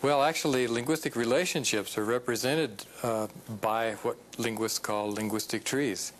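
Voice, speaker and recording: Relaxed male linguist explaining. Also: medium pitch, normal speed, a little hiss or hum. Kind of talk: explanatory interview answers.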